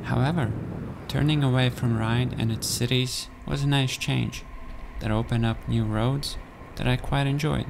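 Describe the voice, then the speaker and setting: Man, young, voice-over narrator; dry, steady delivery with a fry-edged voice, background hiss audible. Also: mid-range voice, normal speed. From Latvia. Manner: calm, dry, matter-of-fact storytelling. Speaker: cyclist recounting a race. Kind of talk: scripted narration.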